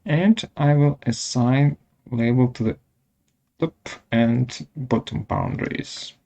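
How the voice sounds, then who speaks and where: In this clip, a man with a gravelly voice of mid-range pitch presents a software tutorial step by step. He gives his instructions in short, halting phrases.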